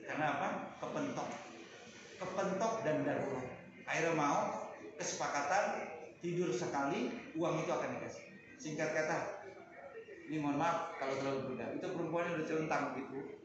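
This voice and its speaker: A man delivers a lively sermon, his voice slightly high and jumping to sudden loud peaks as he tells stories. He is recorded from a distance in a very echoey room, the sound muffled and dull with steady background noise. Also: fairly quick, long pauses. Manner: animated storytelling with sudden loud peaks, Arabic recitation. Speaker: preacher.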